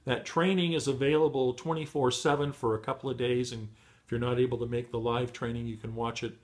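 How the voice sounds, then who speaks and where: A middle-aged man giving a motivational training talk to beginners, encouraging and full of fillers and restarts, his voice going hoarse. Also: mid-range voice, little pitch movement, a little fast. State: losing his voice. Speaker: online marketing trainer.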